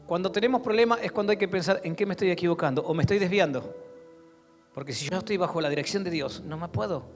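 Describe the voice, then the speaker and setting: High-pitched Argentine pastor preaching. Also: male voice. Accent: Rioplatense Spanish. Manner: preaching, building to loud exhortation. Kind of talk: sermon. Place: church hall. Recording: long church hall reverb, faint music.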